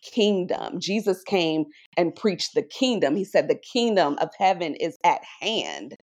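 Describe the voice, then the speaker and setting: A woman sharing her faith testimony in a podcast conversation, animated and preacherly, often checking in with "right?". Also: lowish voice, measured pace. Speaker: podcast guest.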